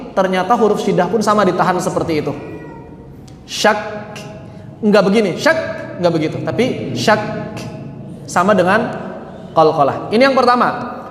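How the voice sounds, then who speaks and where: A man teaching Quran recitation rules, chanting examples slowly and correcting with short remarks. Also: high-pitched. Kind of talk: tajwid lesson with recited examples. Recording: echoey room with long reverb.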